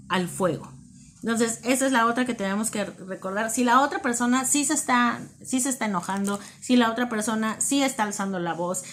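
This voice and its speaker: Woman, devotional speaker; earnest, unscripted, repeats key words, mid pitch. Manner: earnest, repeats words for emphasis, many fillers. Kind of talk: devotional talk.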